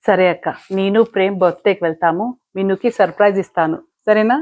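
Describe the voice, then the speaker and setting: A woman's voice: medium pitch, steady tone, fast, darkish tone, dry recording, close to an everyday voice. A woman playing a stubborn young mother who defends holding a grudge against her friend. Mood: remorseful. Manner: defensive, justifying herself. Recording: dull lo-fi, dry.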